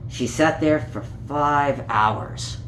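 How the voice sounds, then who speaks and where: Reading a picture book to children, a man keeps things playful and chats with his young audience between lines. He sounds a little high and fairly bright, taking it slowly, and the home recording is roomy with faint noise.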